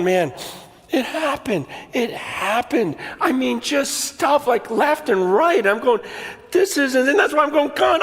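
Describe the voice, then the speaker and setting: A high-pitched male preacher in his fifties tells his story with animated swings, hushed one moment and shouting the next. His voice carries a long reverb from a large hall. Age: 50s. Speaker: pastor. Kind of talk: sermon storytelling.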